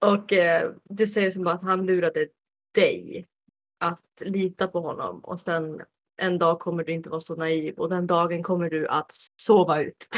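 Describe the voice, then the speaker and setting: A woman with a somewhat low voice tells a story in relaxed, casual chat. She recaps events with animated storytelling and keeps slipping into acted-out quoted lines. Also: no echo. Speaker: podcast co-host recapping episodes.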